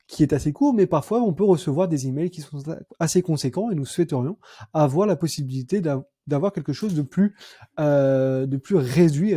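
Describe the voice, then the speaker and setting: Dark-voiced man talking through a tutorial. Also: fairly high pitch, husky, no room sound. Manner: chatty, self-correcting, thinks aloud with fillers. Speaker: CRM consultant demoing software. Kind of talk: screen-recorded software tutorial.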